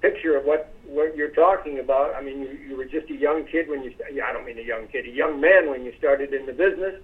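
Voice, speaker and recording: A man's voice: medium pitch, brisk. Effusive man on a tinny phone line. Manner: effusive and praising, with restarts. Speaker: sales company leader hosting a conference call. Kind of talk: casual motivational speech.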